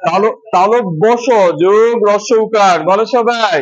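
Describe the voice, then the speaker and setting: A man's voice: high-pitched, steady tone, a little slow, lo-fi sound. A man teaching a children's lesson, breaking words into parts and repeating each syllable for his pupils to echo. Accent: Bangladeshi Bengali.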